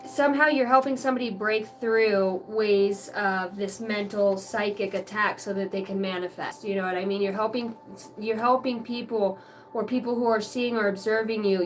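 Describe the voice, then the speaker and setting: A woman's voice: mid-range voice, slight background noise. Casual woman giving a rambling tarot reading. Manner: casual, rambling, many fillers and mild swearing. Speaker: tarot reader. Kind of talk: live tarot reading for viewers.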